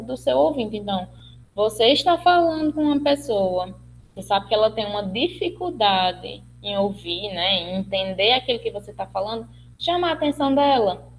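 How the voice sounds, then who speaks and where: A woman's voice: fairly high pitch, lively intonation, moderate pace, a little hiss or hum, poor audio. A Brazilian woman with a Brazilian Portuguese accent giving a webinar lecture, explaining step by step with fillers and restarts. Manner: explanatory, with many fillers and restarts, acting out example phrases. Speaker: speech therapist lecturer.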